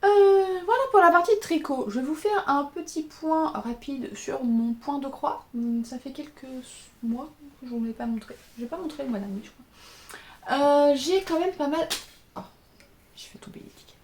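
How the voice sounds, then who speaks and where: This knitting designer and podcaster speaks at a normal speed in a high, somewhat mellow voice. In her thirties and clearly tired, she chats loosely on her crafting video podcast, showing pieces to the camera and hesitating often with frequent fillers.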